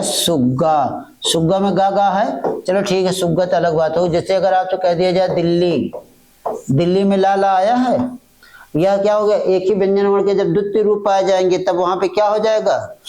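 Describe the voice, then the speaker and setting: A man's voice: sits high, dark tone. A man teaching an exam-prep grammar lecture, asking questions and answering them himself, repeating each point several times. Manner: slow, halting delivery that restates fragments.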